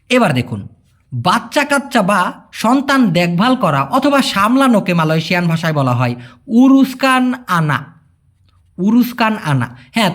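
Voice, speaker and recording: A Bengali-speaking man teaching a casual language lesson, patiently explaining and repeating each word slowly. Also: sits high, fairly bright tone.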